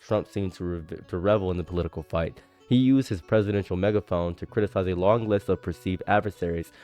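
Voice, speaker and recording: Deep and darkish in tone, this young man's voice delivers emphatic, casual political commentary on his stream. Born in Egypt, he came to America at age eight, and as a commentary video creator he occasionally reads aloud and repeats lines to stress them.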